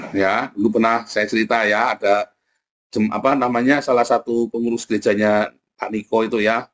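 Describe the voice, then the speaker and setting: A man's voice: on the low side, little pitch movement, normal speed. A male pastor giving a sermon in a conversational style, telling personal stories, bluntly scolding at times and often turning to address his listeners directly.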